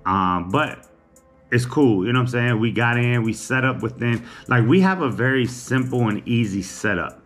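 A man's voice: mid-range voice, lively intonation, normal speed, a bit bright, soft background music. A man, chatting casually to camera in a small room about his day. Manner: chatty, laid-back, teasing. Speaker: vlogger. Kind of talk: casual chat. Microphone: camera on a table.

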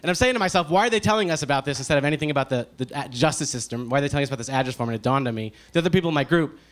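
A man's voice: on the high side, expressive, rapid-fire. A man in his thirties ranting in exasperation through a stand-up comedy set on a handheld club microphone.

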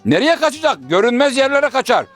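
A man's voice: very high voice, sing-song, fast, a bit bright, soft background music, exaggerated voice. A man voicing a learned, moralizing male shadow-puppet scholar who lectures and quotes proverbs, in a traditional puppet comedy. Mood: lecturing.

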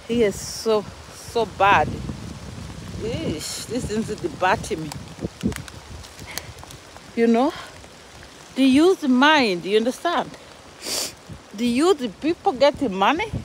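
A middle-aged woman with a Burundian accent vlogs casually outdoors on a phone, emphatically repeating words and phrases. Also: on the high side. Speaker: vlogger. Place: outdoors, walking in a forest. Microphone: phone at arm's length. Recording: noisy outdoor phone recording, wind and rustling.

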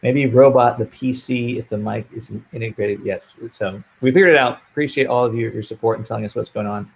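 A man chats over a video call on earbuds, relaxed and rambling with frequent laughs. His voice is husky and gravelly. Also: mid-range voice, brisk. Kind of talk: casual livestream chat. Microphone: earbuds over a browser video call.

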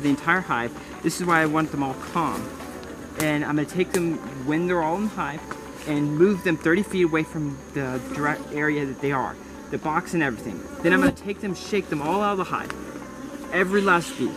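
A young man with a slightly high voice explains his beehives in a rambling, self-correcting vlog filmed outdoors in his homestead garden among bushes and hives. Bees and insects buzz throughout the outdoor camera audio, recorded on a handheld or close-framed camera mic.

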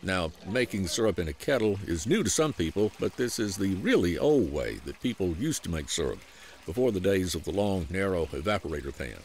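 Folksy Southern male narrator, lively delivery. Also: low-pitched, fairly quick. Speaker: program host and narrator. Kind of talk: scripted documentary narration. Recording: voice-over with music underneath.

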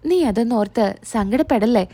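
A woman reading the lines of a caring young husband who reassures his tearful wife, keeping her own high voice. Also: expressive, brisk, warm tone. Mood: reassuring.

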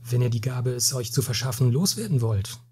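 A man voicing a naive, cautious young merchant in a read-aloud story, polite and haggling, with a very breathy, husky voice. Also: mid-range voice, animated, a little fast, darkish tone. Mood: careful. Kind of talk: storybook reading.

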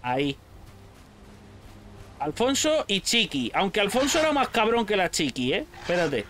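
A man with a Spain Spanish accent giving casual, excitable gameplay commentary, shouting at pets and swearing freely. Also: sits high, normal speed, a little hiss or hum. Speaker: gaming channel host.

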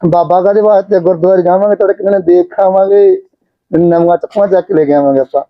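A naive grown son who wanders from thought to thought with a childlike innocence, played by a man. His voice sits noticeably high for a man. It is village short-film acting. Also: steady tone, fairly quick, highs cut off, lightly acted. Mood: rambling. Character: simple-minded grown son, childlike and gentle.

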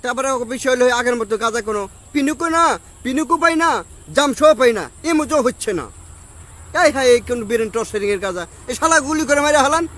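A man's voice: very high voice, animated, brisk, fairly bright tone. A man with a Bangladeshi Bengali accent in a street interview, giving a rambling, belligerent drunk-sounding rant and insistently repeating himself. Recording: street noise behind the voice. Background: outdoor traffic and street ambience.

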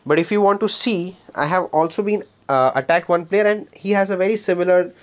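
Higher-voiced man explaining a game guide. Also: fairly quick. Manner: explanatory, repeats points, addresses viewers as dear friends. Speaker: gaming channel host. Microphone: voice-over on screen recording.

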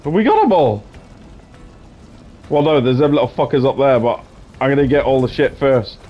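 A young man giving excitable, jokey gameplay commentary, swearing often and slipping into mock-heroic asides. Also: medium pitch, normal speed, soft background music. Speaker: gaming YouTuber.

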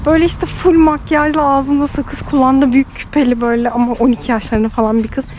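Young woman from turkey vlogging on her phone, high chirpy voice, chatty and animated, a bit of street noise behind. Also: quick pace. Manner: chatty, animated storytelling with laughs. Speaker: vlogger, doctor. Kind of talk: casual vlog chat. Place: outdoors on streets, walking.

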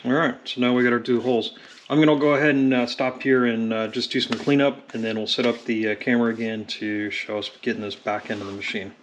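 A man talking through a mechanical repair in a home workshop, relaxed and halting with frequent fillers, recorded on a camera filming his hands. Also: medium pitch, slight background noise. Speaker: mechanic demonstrating engine rebuild. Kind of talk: casual workshop tutorial. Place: home workshop at a drill press.

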